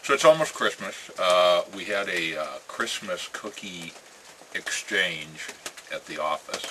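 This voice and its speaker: Very low-voiced American man, musing casually. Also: expressive, sharp tone. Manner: musing, halting, with trailing phrases. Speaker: pipe-smoking vlogger. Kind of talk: casual rambling chat to camera. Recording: clear ambient noise with birdsong.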